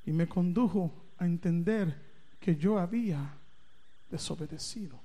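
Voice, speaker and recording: A man preaching, telling a dramatic personal story with big swings in loudness and pitch. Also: a little slow. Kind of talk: storytelling sermon. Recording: reverberant hall.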